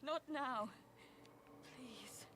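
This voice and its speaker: A grieving young fantasy game woman, fairly high in pitch, with music clearly playing behind her. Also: extremely slow. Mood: mournful. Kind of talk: fantasy game character acting.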